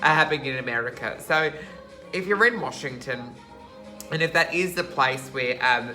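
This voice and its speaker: Bright, campy Australian drag queen. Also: medium pitch, normal speed, soft background music. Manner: camp, flamboyant, joking. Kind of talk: personal video message.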